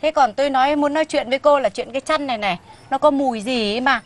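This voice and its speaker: Brief: actress as an older sharp-tongued Northern Vietnamese mother-in-law, fairly high voice, nagging and sarcastic, sitcom. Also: racing, lightly acted. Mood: indignant. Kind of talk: sitcom acting.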